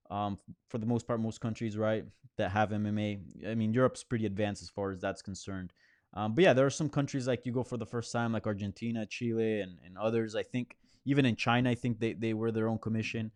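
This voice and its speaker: In a lowish, steady, slightly mellow and smooth voice, a host briskly answers viewer questions on a live stream from an apartment near a hospital. His casual talk rambles, with many restarts and fillers, and the recording is dry.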